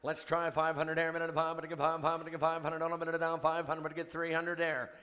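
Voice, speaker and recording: Bright, high-voiced man calling an auction. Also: completely flat delivery. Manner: rapid rhythmic auctioneer chant with repeated numbers; joking asides to bidders. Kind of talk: live charity auction calling. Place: event hall, live before an audience.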